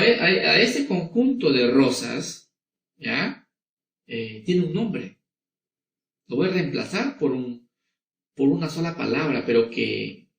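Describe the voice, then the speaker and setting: Slow, gravelly schoolteacher. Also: male voice, medium pitch, roomy sound, recorded from a distance. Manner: slow and patient, asking many rhetorical questions. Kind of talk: recorded classroom lesson for children.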